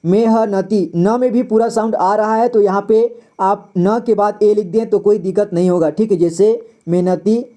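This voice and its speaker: A man teaching a reading lesson step by step, patiently sounding out words slowly and repeating them syllable by syllable. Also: sits high, fairly even intonation, mellow.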